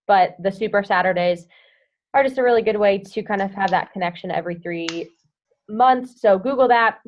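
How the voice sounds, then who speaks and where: Young woman, team coach, casual and rambling with lots of fillers. Lo-fi, muffled audio. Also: medium pitch. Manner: chatty, heavy use of "like" and "um", hums filler sounds. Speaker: team coach leading a group call. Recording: dull lo-fi audio.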